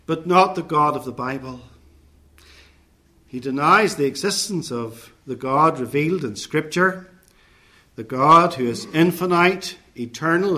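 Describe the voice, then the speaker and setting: A man delivers a sermon at an unhurried, deliberate pace. His voice sits a little higher than most men's, and he lays out each point in measured, listed phrases. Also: bright, forceful tone. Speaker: preacher.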